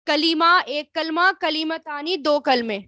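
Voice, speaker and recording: Female grammar teacher, Pakistani Urdu accent, drawn-out repetition, sharp tone. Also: high voice, no room sound. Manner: explains slowly, drawing out words and repeating them; asks the class questions and answers them herself. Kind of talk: online class lesson.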